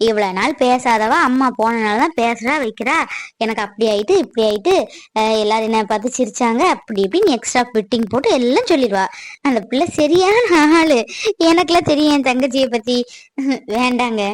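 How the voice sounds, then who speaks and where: A woman playing an excited, chatty young married daughter in a family drama skit. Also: a little high, fairly quick, dry recording, lightly acted, rough recording. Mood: cautious. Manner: eager, chatty.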